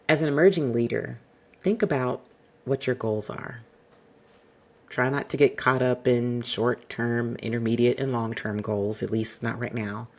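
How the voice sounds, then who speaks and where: A man hosts an advice podcast, addressing the listener directly. His medium-pitched voice is husky and gravelly, mostly monotone, and his delivery is measured and exacting.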